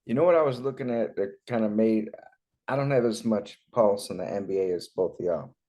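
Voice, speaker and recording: A man's voice: fairly low pitch, a little fast, warm tone. A man co-hosting a podcast, chatting casually and joking. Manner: laid-back, joking, trails off into laughs. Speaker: podcast co-host. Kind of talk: casual chat.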